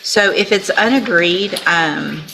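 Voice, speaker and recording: A woman's voice: on the low side, slow pace, creaky. An American woman speaking as a judge in formal courtroom proceedings, explaining procedure step by step. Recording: noisy courtroom audio with clicks.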